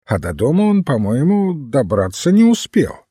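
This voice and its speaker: Father Brown, a man reading as a calm, reflective priest. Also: medium pitch, slightly rough, dry recording, clean studio sound. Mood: thoughtful. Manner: measured, reflective. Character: calm, thoughtful male priest detective.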